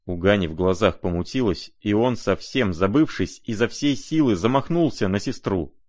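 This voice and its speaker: A man reads a classic novel as an audiobook in a measured, expressive way. His voice is on the low side, and the recording is dry.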